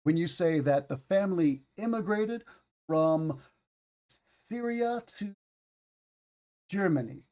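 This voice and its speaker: A man's voice: a little high, lively intonation, moderate pace, a little mellow. A tired American man with a Southern accent teaches an online English class, patiently explaining and repeating key words. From United States.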